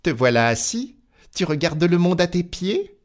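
A man doing a high, boastful little tailor. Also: unhurried. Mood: cocky. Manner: bragging, excitable exclamations.

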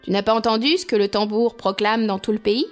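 A woman's voice: mid-range voice, brisk, soft background music, lightly acted. A woman doing sneering elder brothers. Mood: mocking. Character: two mocking young noblemen, the elder brothers.

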